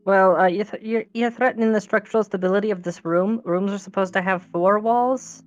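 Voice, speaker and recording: A woman's voice: mid-range voice, fairly even intonation, brisk, lo-fi sound, faint music behind, natural voice. A woman playing an exasperated, sardonic mage in a tabletop game, with a wry, grumbling manner.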